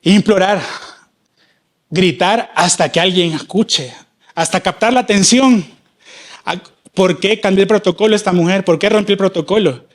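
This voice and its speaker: Impassioned high-voiced male preacher. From El Salvador. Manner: impassioned preaching, voicing prayers aloud, drawn-out emphasis. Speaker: prophet preaching. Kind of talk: sermon. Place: church.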